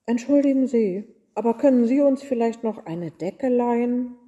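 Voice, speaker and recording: Woman reading as worn-out travellers, polite and tired, slightly higher voice, echoing hall. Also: animated, moderate pace, mellow, highs cut off, natural voice. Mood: weary pleading. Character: weary traveling couple asking for shelter.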